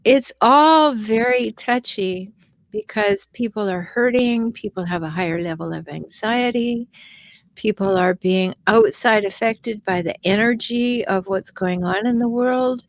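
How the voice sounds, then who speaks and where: A woman guest speaking as a relationship expert on a casual podcast, telling stories in an animated way with many restarts. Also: medium pitch, unhurried, dry recording.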